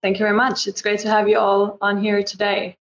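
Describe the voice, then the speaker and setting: A woman's voice: mid-range voice, monotone, brisk. Conversational woman moderating a panel. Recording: dull lo-fi sound.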